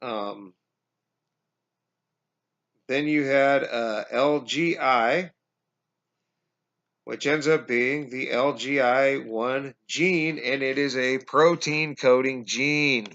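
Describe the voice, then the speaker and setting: Speaking into a webcam from a small home room, this conspiracy vlogger, a man in his forties, explains things casually while coughing and going hoarse. His pitch is medium and his tone fairly bright, and he keeps stumbling through fillers and restarts as he addresses everyone as "guys." The audio is dull and lo-fi.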